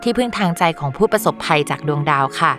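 Fast-talking woman astrologer host. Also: lowish voice, lively intonation, over music. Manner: chatty, explains step by step with casual exclamations. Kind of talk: casual astrology podcast talk.

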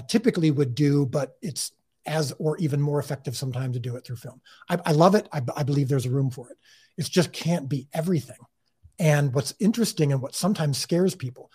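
Man, husky voice, somewhat high pitch, earnest interview talk, lots of restarts. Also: darkish tone. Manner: earnest, many restarts and repeated words. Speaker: creator of a faith-based TV series, interview guest.

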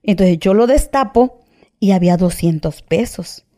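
A woman tells her own story as an interview guest, with a dark, mellow tone at a middle pitch. She talks in a casual, halting way, restarting phrases and tagging them with "¿verdad?" and "¿va?". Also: expressive. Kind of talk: personal testimony, casual retelling.

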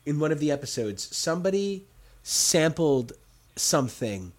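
A man co-hosting a podcast, chatting casually in an animated, jokey way with quick rants. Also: fairly high pitch. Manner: animated, ranting, jokey asides. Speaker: podcast co-host. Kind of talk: casual chat.

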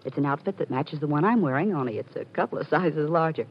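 A breezy young lady accomplice with a low, husky voice and very quick chatter. The acting is old radio drama, on a dull recording. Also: expressive, a little hiss or hum. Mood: urgent, affectionate.

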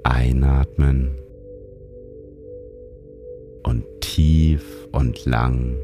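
A man narrates a guided sleep meditation in a soothing, calm manner, like a sleep-story narrator. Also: rumbling low, extremely slow, over music. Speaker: meditation guide and show host.

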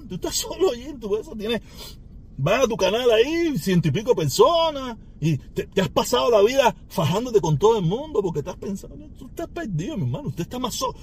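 A man's voice: high-pitched, darkish tone, a little hiss or hum. A man with a Cuban Spanish accent, ranting at a rival on his podcast in a taunting, sarcastic way with mocking laughs. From Cuba. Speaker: podcast host.

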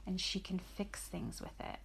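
A woman's voice: on the low side, lively intonation, a little slow, creaky, fairly bright tone, slight background noise. A woman reading a bedtime sleep story aloud as a mother and host, explaining things simply and encouragingly as if to a small child. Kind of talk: gentle sleep story narration and chat with her small child.

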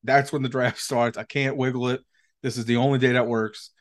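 A man's voice: medium pitch, little pitch movement, fairly quick. A man co-hosting a podcast in casual chat, rambling and slangy, with plenty of swearing. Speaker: podcast co-host.

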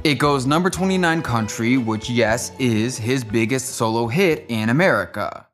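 A man reads a scripted music history narration. His pitch sits in the middle range, and he drops in dry, wry asides at an even, steady delivery. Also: normal speed.

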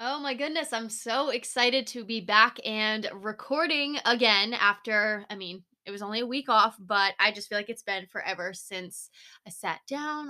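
A woman in her twenties hosting her own podcast, chatting casually and excitedly from her room into a microphone. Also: medium pitch. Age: 20s. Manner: bubbly, chatty, upbeat. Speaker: podcast host. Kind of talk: casual solo podcast chat. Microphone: studio microphone.

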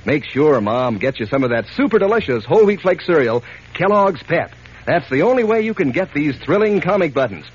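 An American announcer gives a folksy, enthusiastic sales pitch to children in the manner of 1940s radio ads. He speaks fairly quickly in a sing-song voice, and the old recording sounds dull with faint noise.

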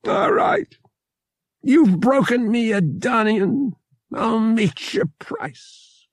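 A man's voice: extremely high pitch, big pitch swings, very slow, no room sound, clean studio sound, voice pushed up, exaggerated voice. A man doing O'Connor, a whiny old dealer. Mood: anguished. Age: older. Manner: pompous, theatrical pleading. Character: fussy old male antiques dealer, dramatic and whiny.

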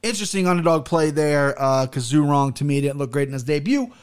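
A man's voice: fairly high pitch, animated, fairly quick, clean tone. American man podcasting through a barely opened mouth. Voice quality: talking with mouth barely open. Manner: blunt, rambling, profane. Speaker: podcast host. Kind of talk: casual solo podcast talk.

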